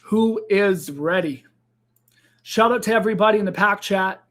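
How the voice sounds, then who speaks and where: Male streamer, high-pitched, relaxed and chatty, talking through his trades for viewers. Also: normal speed. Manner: chatty, loose, addresses viewers as guys and fam. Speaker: crypto livestream host. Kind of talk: casual live trading stream chat.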